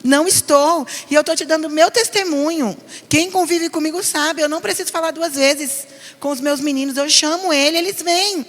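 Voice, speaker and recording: A middle-aged woman pastor with a São Paulo Brazilian accent, teaching a parenting class in an earnest, animated way. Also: sits high, moderate pace. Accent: Brazilian Portuguese, São Paulo. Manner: earnest, animated, mimics nagging voices. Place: church hall. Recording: long reverb of a church hall.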